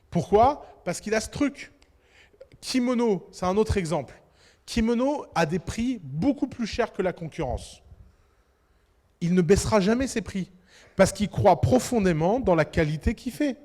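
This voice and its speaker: A man with a high-pitched voice lectures entrepreneurs in a big conference hall. He speaks in an animated, provocative way and addresses the crowd directly, and a long reverb trails behind his words.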